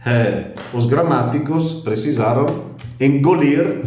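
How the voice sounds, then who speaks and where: Slow, chatty older man teaching. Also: mid-range voice, a little mellow, a little hiss or hum. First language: Italian. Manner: chatty, explains at length, ends points with a questioning tag. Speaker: language teacher. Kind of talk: relaxed spoken lesson. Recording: very echoey room.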